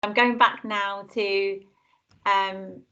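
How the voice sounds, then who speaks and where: A woman heard over a video call, explaining software step by step in a casual, chatty way. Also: medium pitch, fairly even intonation, extremely slow. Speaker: trainer demonstrating software. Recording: muffled video call audio.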